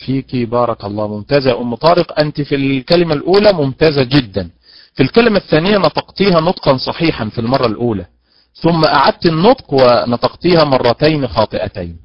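A man's voice: mid-range voice, expressive, no room sound. Man teaching Quran recitation, dry lo-fi. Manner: slow drawn-out recitation of examples between quick explanations. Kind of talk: online lecture with recited examples. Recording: dull lo-fi dry online audio.

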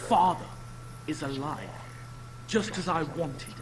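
A woman's voice: sits low, slow, background noise. A woman voicing a young boy possessed by a demon in a video game, speaking in a demonic layered voice with a cold, haughty and taunting manner. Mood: gloating, menacing.

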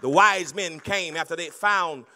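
A middle-aged man preaching a sermon on a handheld mic in a large banquet hall, moving between hushed storytelling and loud shouting. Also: on the high side, a little slow. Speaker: pastor.

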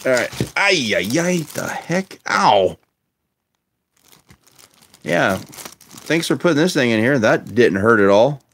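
A man's voice: mid-range voice, very animated, slow pace, pauses often, a bit bright, a little hiss or hum. A man casually commenting while opening a lot of old toy cars, chatty and wry with muttered asides, filmed on a handheld phone at a table indoors. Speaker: toy collector vlogger. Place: indoors at a table, filming toys close up.

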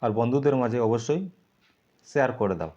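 A man teaching a video lesson, splitting words into syllables slowly and answering his own questions. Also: medium pitch, warm tone, muffled recording.

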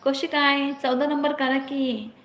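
A woman's voice: high voice, little pitch movement, takes it slowly, fairly bright tone, roomy sound. A woman hosting a casual live stream on her phone. She chats, reads viewers' comments aloud, answers them and gives friendly advice.

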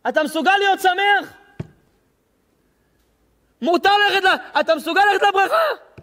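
Guy preaching as a heartbroken heavenly dad, high plaintive voice, lots of hall echo. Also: pushed and bright. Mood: pleading. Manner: plaintive, questioning, rising. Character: grieving divine father, sorrowful and pleading. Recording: reverberant hall.

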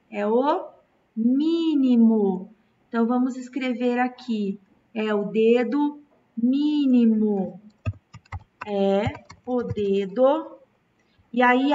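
A woman's voice: high-pitched, fairly bright tone, slight background noise. A Brazilian woman teaching a recorded lesson to children, patient and stretching out key words. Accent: Brazilian Portuguese. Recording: distant, dull lo-fi mic.

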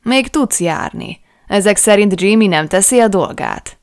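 A woman voicing a coarse, mocking male clansman with a deep voice who shouts bawdy teasing, read for an audiobook. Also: lively intonation, vocal fry, clean tone.

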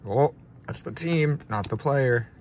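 Inside a small room with a ring light, a stuffy-nosed young man does relaxed, unscripted commentary as he opens trading card packs, now and then putting himself down. His medium-pitched voice is slow and slightly mellow. A slight hiss or hum runs underneath.

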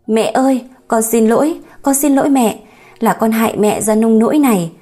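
A woman's voice: mid-range voice, normal speed, warm tone, soft background music, natural voice. A woman voicing a remorseful young husband in an audiobook story, emotional and pleading.

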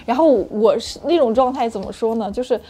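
A woman hosting her own channel, telling a frank personal story in an animated, chatty way with many restarts. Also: fairly high pitch, a little fast, breathy edge. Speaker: channel host sharing personal experience.

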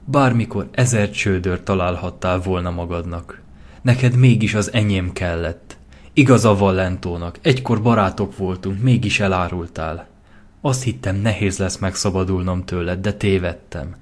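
A man voicing an emotional young female green unicorn torn between love and friendship, in an audio fanfiction reading. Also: low voice. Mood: cold. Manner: emotional, anguished.

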